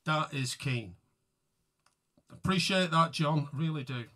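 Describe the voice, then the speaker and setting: A man's voice: on the high side, slow, pushed and bright. A man chatting casually to live viewers between songs, rambling and self-mocking as he greets people by name. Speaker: musician hosting a live tribute stream.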